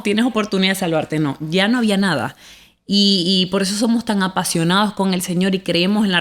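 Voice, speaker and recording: Earnest woman sharing a faith testimony. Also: mid-range voice. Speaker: podcast co-host.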